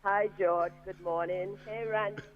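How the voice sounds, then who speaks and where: A man's voice: sits high, fairly even intonation, a little slow. A man calling in to a radio show over a phone line, making his point emphatically and insistently. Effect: speaking over a phone line. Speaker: radio caller. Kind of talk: call-in opinion. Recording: tinny muffled phone line.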